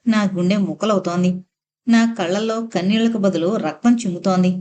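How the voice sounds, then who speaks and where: A woman's voice: medium pitch, fairly quick, warm tone, lo-fi sound. A woman narrating a novel aloud in the first person, with an emotional reading style. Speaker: audiobook narrator.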